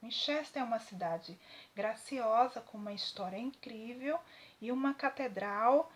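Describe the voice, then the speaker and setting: High-voiced woman teaching English. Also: unhurried. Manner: didactic, frequent tag questions. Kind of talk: classroom lesson, translating a text.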